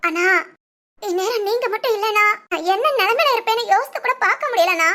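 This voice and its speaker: In this spoken storybook tale, an earnest young woman pleads warmly with her adopted brother, as the narrator puts her on. Her voice sits high and bright, and she talks quickly. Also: animated, exaggerated voice. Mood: pleading. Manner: pleading, affectionate, often addressing "anna". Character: young woman, grateful sister figure, earnest.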